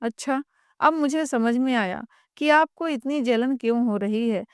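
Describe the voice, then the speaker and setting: A woman's voice: on the high side, a little slow, smooth, no room sound, clean studio sound, lightly acted. A woman voicing a lazy, scheming young sister-in-law who talks in a mocking, shameless way. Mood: taunting.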